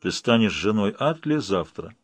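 A man reading an audiobook, voicing a jealous Viking chieftain who shouts, then turns cold and harsh. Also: lowish voice, big pitch swings, moderate pace, husky, dry recording. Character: fierce Viking chieftain, jealous and hot-tempered.

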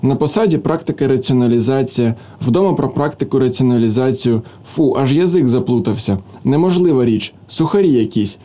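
A man reading the part of a lively young woman who playfully orders her guests about, in exclaiming tones. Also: medium pitch, a little fast, hardly any pauses, lightly acted. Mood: exasperated. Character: lively young hostess, teasing and bossy.

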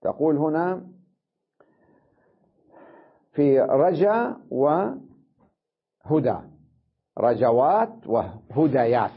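A man's voice: mid-range voice, vocal fry, slightly rough. A man teaching an Arabic grammar lesson, explaining step by step and checking with the class after each point. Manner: explains step by step, asks the class "tamam?" often. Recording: dull lo-fi lecture recording.

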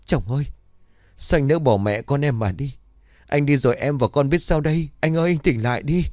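A man's voice: a little fast, a little mellow, dry recording, clean studio sound, natural voice. A man voicing a grieving young widow who pleads tearfully. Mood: wailing. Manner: pleading, tearful, high-pitched when wailing. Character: grieving young widowed woman, anxious daughter-in-law.

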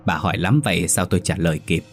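A man's voice: deep voice, steady tone, fast talker, faint music behind, lightly acted. A man reading as a soldier's tender ghost. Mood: tender sorrowful. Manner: tender, sorrowful. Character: gentle ghost of a soldier husband.

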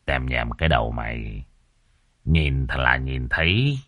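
A man voicing a stern old male exorcist master who scolds his disciple in a low, gruff voice. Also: animated, a little slow, fairly bright tone, dry recording, heavily acted. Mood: gruff scheming.

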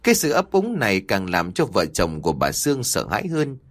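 A man narrating an audio story with dramatic flair. His husky voice swings widely in pitch, keeping the telling lively. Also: moderate pace.

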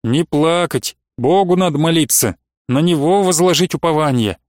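A man voicing a kindly, comforting middle-aged merchant who speaks in an unhurried, consoling way. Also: fairly high pitch, no room sound, clean studio sound, natural voice. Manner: warm-hearted, consoling, unhurried.

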